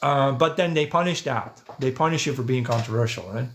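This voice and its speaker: A Dutch man from the Netherlands chats casually on a livestream, his medium-pitched voice a bit bright and a little quick, with faint hiss or hum in the audio. A podcast host and streamer, he answers chat comments, thinking aloud and checking in with "right?" and "yeah."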